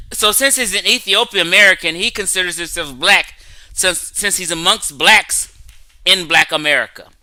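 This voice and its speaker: Emphatic man lecturing, bright crisp voice. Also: sits high, moderate pace, no echo, low-quality recording. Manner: emphatic, lecturing, frequent "okay?" and "right?"; reads text aloud from screen. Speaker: online talk show host. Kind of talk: casual livestream commentary.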